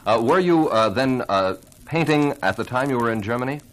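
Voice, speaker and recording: A man hosting a radio interview, polite and courteous, pausing often with filler sounds. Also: mid-range voice, expressive.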